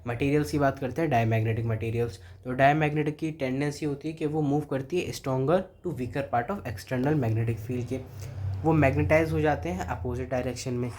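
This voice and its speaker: Male physics tutor, Indian accent, mid-pitched, explains step by step, faint background hiss. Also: normal speed, a little mellow. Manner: explains step by step, addresses students as beta and bhai. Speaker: physics teacher. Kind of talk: exam revision lecture.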